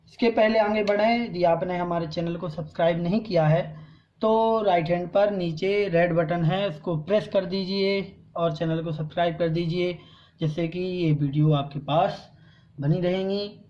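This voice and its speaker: A woman teaching a scripture class, reciting verses slowly and patiently and asking the listeners to repeat after her. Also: fairly low pitch, muffled recording. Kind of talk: recitation lesson.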